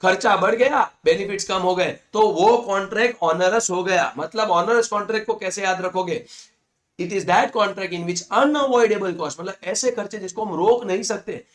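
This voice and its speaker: A man with a slightly high voice teaches accounting, mixing Hindi and English. He reads each definition slowly, then explains it quickly in plain words. He keeps calling his students "guys" and repeats the main points. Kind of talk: lecture explaining slides.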